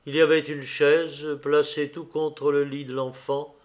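A man narrating a classic story as an audiobook in a measured, expressive way. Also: a little high, lo-fi sound.

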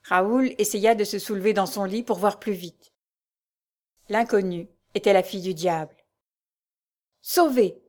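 Woman, audiobook narration, measured, literary, mid pitch. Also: fairly even intonation, darkish tone.

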